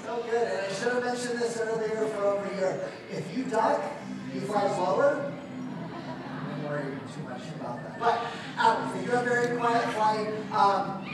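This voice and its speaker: Playful animal show presenter explaining stuff live, really echoey, mic sounds far off. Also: mid-range voice. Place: live bird show before an audience. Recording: echoey amplified venue, distant mic, noisy.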